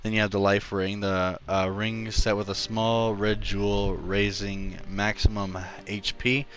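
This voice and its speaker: A man's voice: fairly low pitch, little pitch movement, a little slow. A man casually talking through a video game's character creation, rambling with many fillers and restarts. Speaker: gameplay tutorial narrator. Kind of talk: casual gameplay commentary.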